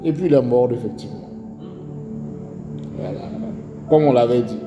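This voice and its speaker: A man's voice: medium pitch, normal speed. A man with an Ivorian French accent preaching a sermon, telling stories and asking rhetorical questions. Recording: echoey hall with faint music.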